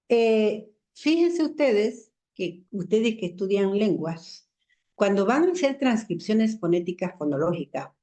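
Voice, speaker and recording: A patient woman lectures her online class over a computer mic. Her voice sits at a middle pitch, and she explains step by step. She repeats examples slowly and asks the class rhetorical questions. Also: dark tone. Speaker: university language lecturer. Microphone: computer mic in a video call.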